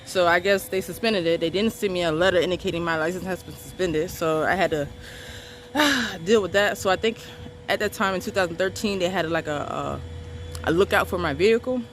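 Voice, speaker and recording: A woman's voice: on the low side, a little hiss or hum. Defiant woman venting bluntly. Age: adult parent of three children. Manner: blunt, profane, emphatic and defiant. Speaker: vlogger recounting her arrest. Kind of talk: angry storytelling vent.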